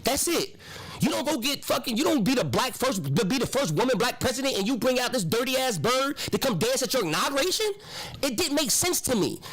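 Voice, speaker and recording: Animated high-pitched man arguing on a show. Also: brisk, low-quality recording. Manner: emphatic, repeats himself to hold the floor. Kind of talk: heated political debate.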